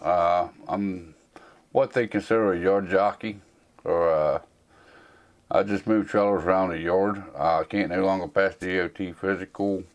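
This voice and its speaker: Low-voiced folksy man in his forties. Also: dull audio. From United States. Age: 40s. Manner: rambling and folksy, plain-spoken with many fillers. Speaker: host answering viewer questions. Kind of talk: casual Q&A chat.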